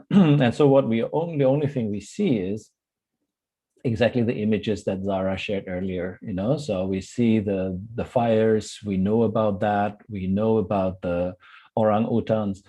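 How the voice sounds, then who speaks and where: A man from Germany speaking on a webinar panel, thoughtful and unhurried, with frequent fillers. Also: on the low side, warm tone. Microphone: video call.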